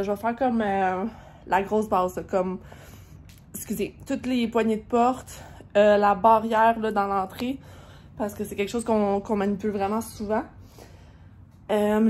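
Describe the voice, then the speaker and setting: A woman's voice: a little high, a little mellow, slight background noise. A young woman with a Quebec French accent chatting casually to her vlog camera at home, rambling along with lots of fillers and little laughs. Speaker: vlogger.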